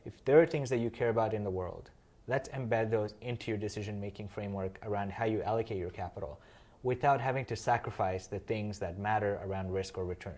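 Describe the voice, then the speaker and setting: A man in his thirties from Kenya, a guest in an interview, explaining his work in a measured way with frequent "um" fillers. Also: lowish voice, darkish tone. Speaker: interview guest, social finance founder. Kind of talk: conversational interview answers.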